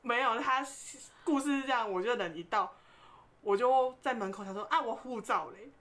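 A woman from Taiwan co-hosts a podcast, chatting casually and telling stories at a moderate pace. Her voice sits a little high, and she's an animated storyteller who often laughs mid-sentence.

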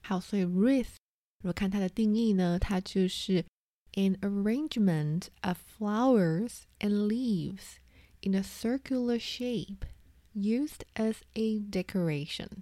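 Slow, mellow-voiced woman teaching vocabulary. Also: medium pitch, no echo, studio quality. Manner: spells words letter by letter, repeats terms. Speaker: English teacher. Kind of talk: vocabulary lesson.

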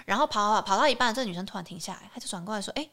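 A young woman in her twenties, a podcast guest telling travel stories in lively casual chat and acting out the dialogue. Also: mid-range voice, rapid-fire. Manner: animated, acts out quoted dialogue.

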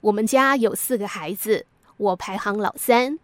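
A woman narrating a scripted story for a podcast in a gentle, reflective way. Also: medium pitch, normal speed, dry recording.

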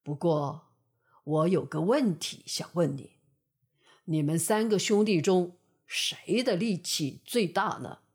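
A woman voicing a sly, scheming male lion who flatters and coaxes in a storybook tale. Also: lowish voice, takes it slowly, slightly rough, voice pushed down. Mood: sly coaxing. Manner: wheedling, flattering.

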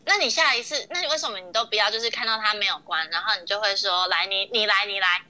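A woman's voice: medium pitch, racing, pushed and bright. A woman co-hosting a podcast, chatting casually, playful and often laughing as she acts out how she scolds someone. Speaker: podcast co-host. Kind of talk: casual chat.

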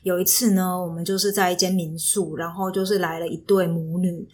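A woman's voice: on the low side, little pitch movement, a little fast, darkish tone. A young woman with a Taiwanese Mandarin accent hosting a casual solo podcast, chatting and telling stories with lots of fillers, recorded on a studio mic in a small room. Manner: chatty, storytelling with frequent fillers. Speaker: podcast host. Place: small rented room at home. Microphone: professional microphone.

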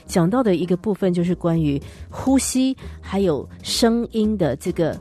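A low, mellow-voiced woman from Taiwan hosts a casual podcast interview with faint music in the background. She responds attentively, dropping frequent short affirmations, and her pitch moves in a lively way. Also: moderate pace. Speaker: podcast host.

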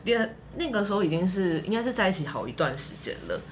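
A woman's voice: mid-range voice, fast talker, slight background noise. A woman with a Taiwanese Mandarin accent, a podcast guest telling a story in casual chat with lots of laughter. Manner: animated storyteller, laughs often.

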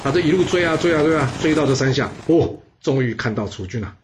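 Animated male storyteller, exclaiming. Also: mid-range voice, quick pace, slight background noise. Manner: animated, exclaiming, chatty asides. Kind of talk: lively historical storytelling.

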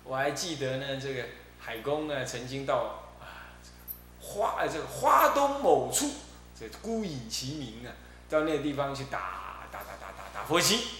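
A Buddhist abbot with a Taiwanese Mandarin accent tells anecdotes in a dharma talk. His pitch leaps and falls very freely. He chuckles often, and the room is echoey with a faint hum. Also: animated, moderate pace, sharp tone. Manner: chatty storytelling with frequent chuckles. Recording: roomy echo with faint hum.

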